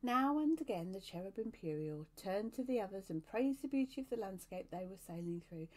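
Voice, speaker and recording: A woman reads a novel aloud at a medium pitch. Her narration is steady and even, with an unhurried storyteller's delivery.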